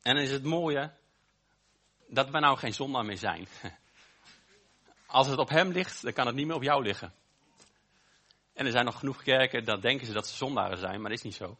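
A man preaching a sermon, with an emphatic, repetitive cadence and slow, stressed phrases. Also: mid-range voice, sharp tone, slightly rough.

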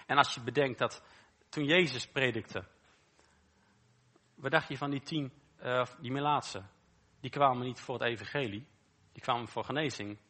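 Bright-voiced man preaching informally. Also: medium pitch, normal speed. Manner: conversational, repeats words, asks rhetorical questions. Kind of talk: informal sermon.

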